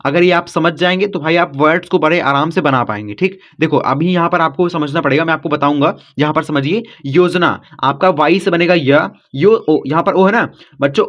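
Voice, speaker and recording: A man teaching children to spell names in English, going slowly letter by letter and checking after each step that they follow. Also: sits high, fairly bright tone. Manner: patient, repeats "ठीक?" after each step. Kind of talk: blackboard lesson for children. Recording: dull lo-fi audio.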